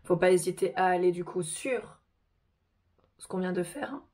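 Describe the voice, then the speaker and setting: A woman hosting a casual makeup tutorial, chatty and informal, her voice hoarse from a sore throat. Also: on the low side, moderate pace, darkish tone.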